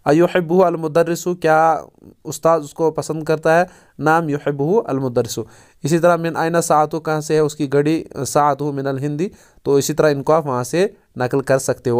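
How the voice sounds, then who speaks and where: A man works through a textbook lesson as a teacher. His voice sits fairly high and comes across clear and smooth. He reads sentences out slowly, then explains each one. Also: a little mellow. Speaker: Arabic teacher.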